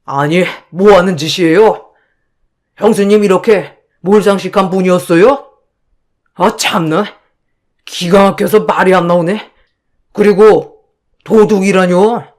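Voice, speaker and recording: A woman's voice: on the low side, a little slow, long pauses, a little mellow, lightly acted. A woman voicing an indignant husband in a storybook drama, firmly demanding an apology. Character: indignant husband defending his wife.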